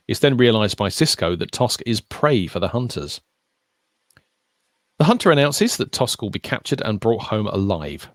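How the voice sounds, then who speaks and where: Lively man reading a recap. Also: fairly low pitch, no room sound. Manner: animated summarizing with asides. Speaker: podcast host. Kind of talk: reading an episode recap in casual chat. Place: recorded podcast session.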